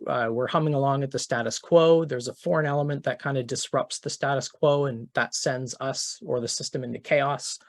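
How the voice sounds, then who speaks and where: A man's voice: mid-range voice, no room sound, clean studio sound. Middle-aged man telling a keynote story. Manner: casual and conversational, with many fillers and restarts. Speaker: keynote speaker. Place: conference venue.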